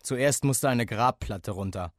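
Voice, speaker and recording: A man's voice: medium pitch, unhurried, dry recording, studio quality, natural voice. A man voicing a stern middle-aged father who speaks bluntly and firmly, read in a storybook. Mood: matter-of-fact. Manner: blunt, firm.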